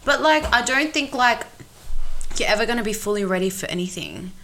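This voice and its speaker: A woman's voice: a little high, expressive, a little fast, sharp tone. A young woman from Australia co-hosting a podcast, rambling in casual chat with lots of filler words. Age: young adult. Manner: rambling, many fillers like "like" and "look". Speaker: podcast co-host.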